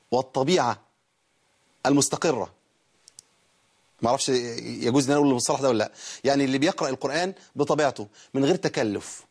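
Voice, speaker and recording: A man with an Egyptian Arabic accent teaching Quran recitation on a program. He poses rhetorical questions, then answers them himself, and slowly stretches out words to show how they should be recited. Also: medium pitch, breathy edge. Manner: slowly draws out words to model correct recitation. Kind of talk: televised Quran recitation lesson.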